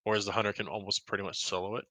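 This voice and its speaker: A man's voice: on the low side, little pitch movement, very fast, bright, forceful tone, no room sound. A man leading a raid over voice chat, explaining tactics and rallying the group. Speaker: raid leader.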